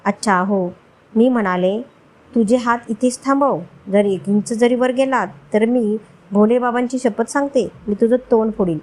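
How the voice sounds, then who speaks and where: A woman's voice: fairly high pitch, normal speed, darkish tone, lightly acted, low-quality recording. A woman voicing a feisty, playful young wife who teases and makes jesting threats. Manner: teasing, threatening in jest.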